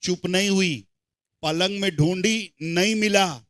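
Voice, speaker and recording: High-voiced, bright-toned preaching pastor. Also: male voice, slow, no echo, studio quality. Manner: animated preaching, repeats the reader's lines and asks questions; bursts into shouting for emphasis. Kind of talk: sermon with call-and-response Bible reading. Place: church service.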